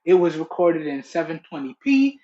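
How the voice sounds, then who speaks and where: A man's voice: a little high, sing-song, normal speed, mellow. A young man talking casually and emphatically to camera as a product reviewer, checking in often, recorded through a Bluetooth earbud microphone. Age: young adult. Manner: chatty, emphatic, checking in with "okay" and "all right". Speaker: tech reviewer and channel host. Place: small room indoors. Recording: muffled lo-fi Bluetooth headset mic.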